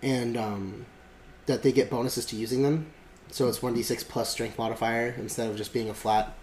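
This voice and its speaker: A man's voice: mid-range voice, fairly even intonation, normal speed, darkish tone. A man hosting a podcast in casual chat, rambling with lots of fillers and restarts. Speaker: podcast host. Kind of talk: casual chat about a tabletop game. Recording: echoey room with faint noise.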